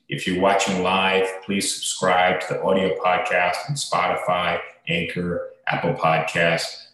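A man co-hosting a podcast in casual chat, emphatic and swearing, recorded in an empty room that echoes like a cave. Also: fairly bright tone. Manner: emphatic, swears, jumps between pitches. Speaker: podcast co-host. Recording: heavy cave-like room echo.

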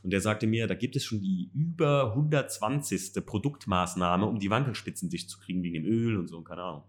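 Fast-talking man, enthusiastic car chat. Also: on the low side. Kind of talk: casual chat.

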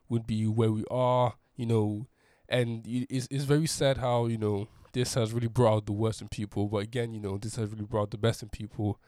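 A man's voice: medium pitch, dark tone, dry recording, clean studio sound. A young man hosting his own podcast, talking casually in a rambling way with many restarts and fillers. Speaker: podcast host. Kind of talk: casual solo monologue.

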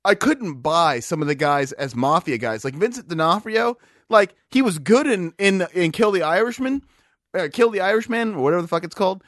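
A man's voice: sits high, expressive, a little fast, a bit bright, dry recording, studio quality. A man co-hosting a podcast, rambling and swearing in casual chat, a bit drunk, with lots of restarts. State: tipsy. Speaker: podcast co-host.

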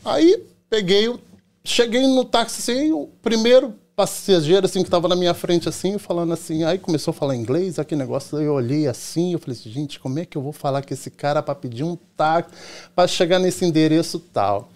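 With a fairly quick delivery and a darkish tone, this middle-aged Rio de Janeiro man talks on the high side in a Carioca accent. He's a chatty podcast guest spinning casual anecdotes, voicing the characters' lines and often ending with "entendeu?"

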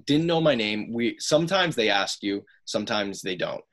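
A young man with a fairly low voice tells stories on a podcast. He is animated and keeps jumping into higher voices for the people he quotes. His talk is casual and loose. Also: normal speed. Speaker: pro wrestler guest. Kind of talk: casual storytelling.

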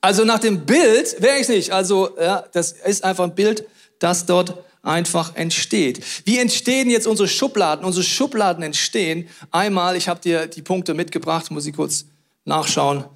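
A middle-aged man preaching a sermon, telling stories animatedly with sudden loud outbursts and hushed asides. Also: high voice, moderate pace.

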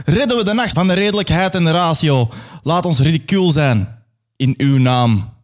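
A man voicing an ecstatic, worshipping crowd that chants praise in a high, theatrical voice. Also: lively intonation, moderate pace, close to an everyday voice. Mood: exalted.

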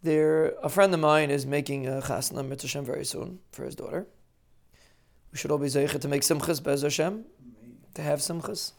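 A man with a Yiddish-inflected accent giving an informal sermon in an earnest, halting, emphatic way, often repeating phrases. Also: on the high side, steady tone, vocal fry. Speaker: religious speaker giving a short daily talk.

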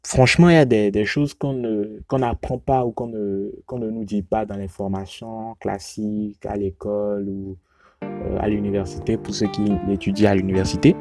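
A podcast reviewer whose first language derives from Yoruba speaks at normal speed in a lowish, darkish voice with a level tone. He casually talks up podcasts he likes, frequently restarting and repeating words, while soft music plays behind him.

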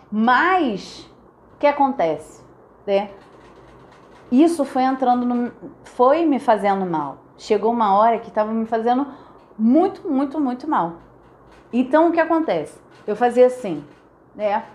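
A woman chats to her camera in a relaxed, personal way. Her voice sits a little high, and she brings her stories to life by mimicking other people. The talk stays animated and conversational throughout. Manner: lively storyteller, acts out quoted remarks. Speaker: vlogger. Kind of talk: casual chat to camera.

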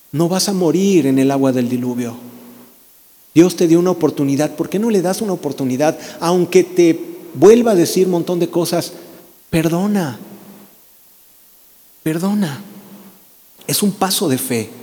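A man's voice: on the high side, warm tone. Preaching man in an echoing hall. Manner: preaching, acts out quarrels in quoted voices. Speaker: pastor. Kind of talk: sermon.

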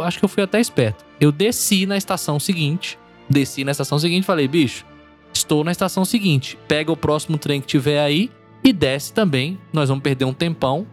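A man telling a travel story in an expressive, casual way, hosting the chat. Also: a little high.

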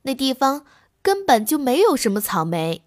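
A woman's voice: high-pitched, very animated, moderate pace, no room sound, studio quality. A woman voicing a naive, cheerful little boy piglet in a children's bedtime story, speaking in an innocent, eager, childlike way.

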